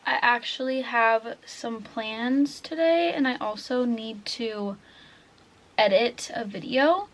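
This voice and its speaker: A woman's voice: fairly high pitch, slight background noise. A nineteen-year-old woman vlogging casually at home about her reading, chatty and full of "like" and "literally". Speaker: book vlogger. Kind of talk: casual vlog chat. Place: at home, indoors.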